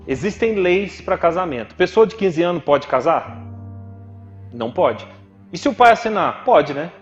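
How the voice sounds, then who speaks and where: A man's voice: on the high side, lo-fi sound. A man teaching a class of wedding celebrants, joking and asking the room questions in a preacherly way, with a Brazilian Portuguese accent. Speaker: course instructor for wedding celebrants. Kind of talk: lively teaching talk to a class.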